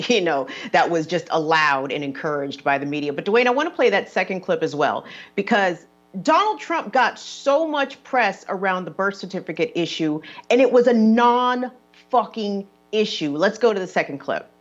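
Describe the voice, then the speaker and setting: A woman hosting a casual political discussion over a video call, blunt and animated, swearing freely. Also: on the low side, moderate pace, dull audio. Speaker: host.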